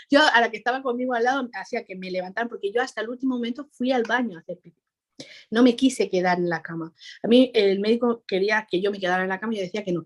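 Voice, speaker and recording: A woman, a cheerful interview guest who laughs often while recounting a personal story in conversation. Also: mid-range voice.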